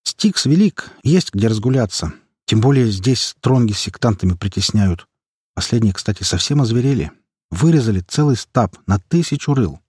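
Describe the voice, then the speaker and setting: Husky-voiced man narrating an audiobook. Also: fairly low pitch, darkish tone, no room sound, studio quality. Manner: dramatic storytelling, first person.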